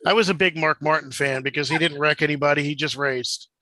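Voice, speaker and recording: A man's voice: a little high, fairly even intonation, fast, sharp tone. A man in his late forties chatting casually, often hesitating and restarting his sentences. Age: 40s. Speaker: co-host called Coach. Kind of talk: casual chat.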